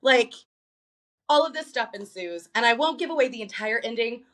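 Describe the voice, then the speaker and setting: A woman co-hosting a podcast in casual chat, animated, swearing freely and acting out lines from a movie. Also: a little high, moderate pace. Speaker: podcast co-host.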